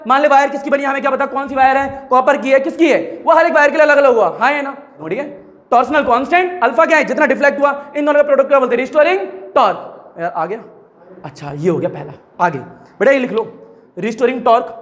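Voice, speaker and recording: Guy teaching physics, really high voice, dictates notes, keeps asking the class to repeat. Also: fast talker, fairly bright tone. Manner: chatty, repeats key words, prompts students to answer.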